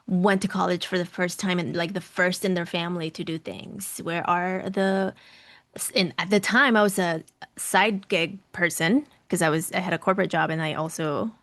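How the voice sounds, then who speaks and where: A woman's voice: fairly low pitch, steady tone, normal speed, no room sound. Mexican-accented woman, close dry sound. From Mexico City, Mexico. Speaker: podcast guest, coach and podcaster. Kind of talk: conversational personal storytelling in an interview.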